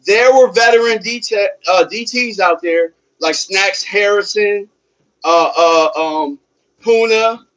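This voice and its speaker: Male sports livestream host, high voice, casual but insistent delivery, speaking while exercising on a treadmill, repeats key phrases. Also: slow, fairly bright tone, muffled recording. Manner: emphatic, repeats phrases, poses rhetorical questions.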